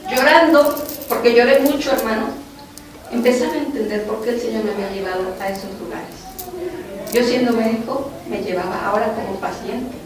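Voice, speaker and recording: A woman with a Mexican accent, a doctor giving an earnest, emotional testimony to a congregation in a church. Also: fairly high pitch. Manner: earnest, emotional, often addressing the brothers and sisters. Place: church hall. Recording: echoey hall from far off, faint noise.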